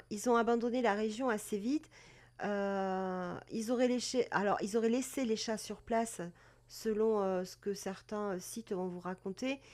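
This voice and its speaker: Presenting the history of cat breeds on a casual live stream, a woman chats away, greeting viewers, using many fillers and correcting herself. Her voice is medium in pitch and a little mellow.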